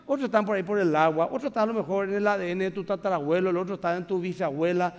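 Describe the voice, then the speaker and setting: Paraguayan pastor guy preaching, high voice, chatty and emphatic, big church echo. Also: racing. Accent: Paraguayan Spanish. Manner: emphatic, conversational, addresses the congregation directly. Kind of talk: sermon. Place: large church sanctuary.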